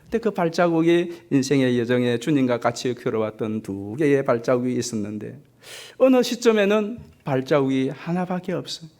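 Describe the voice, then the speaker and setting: A man preaching a sermon as pastor, emphatic, swinging from low asides to high climaxes. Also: moderate pace, darkish tone. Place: church sanctuary.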